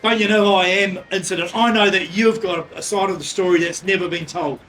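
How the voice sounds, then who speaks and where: A man's voice: sits high, fairly even intonation, fast talker, music in the background, rough recording. A man hosting a casual interview, prodding his guest with teasing questions. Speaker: host.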